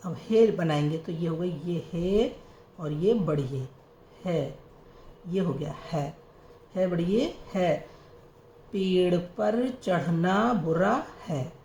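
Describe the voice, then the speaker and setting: A woman teaching reading and writing, spelling out each letter and sound slowly and repeating the words. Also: on the low side, lively intonation, warm tone. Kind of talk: slow letter-by-letter reading lesson. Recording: echoey room with faint noise.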